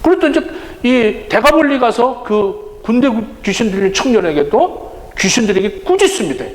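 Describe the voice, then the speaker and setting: Male pastor, very high and lively voice, animated sermon delivery, long hall reverb. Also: moderate pace. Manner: animated, acts out the quoted voices; addresses the congregation directly.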